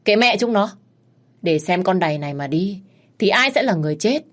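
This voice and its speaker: A woman voicing a sharp-tongued young wife who curses in a shrill, sour voice. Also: animated, a little fast. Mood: bitter defiant. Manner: scolding, cursing loudly.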